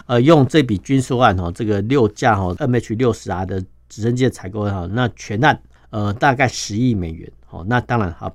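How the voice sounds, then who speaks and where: A man with a Taiwanese Mandarin accent speaks as an interview guest, laying out his points step by step. His voice sits fairly low and he keeps tacking soft particles onto his phrases. The recording is close and dry, with no room sound. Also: no echo. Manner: sprinkles sentences with filler particles; steady, explaining step by step. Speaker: guest defense journalist. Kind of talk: explanatory interview talk.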